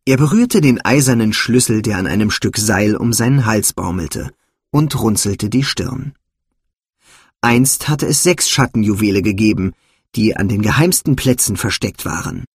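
Man reading a storybook aloud, husky voice, dry close sound. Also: on the low side, animated, moderate pace, dry recording. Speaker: narrator. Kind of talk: storybook narration.

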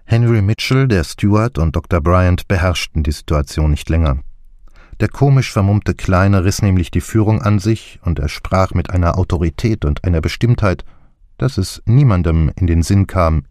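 A man reading a detective novel aloud in even, measured narration. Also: low-pitched, dry recording, studio quality. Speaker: audiobook narrator. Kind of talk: scripted narration.

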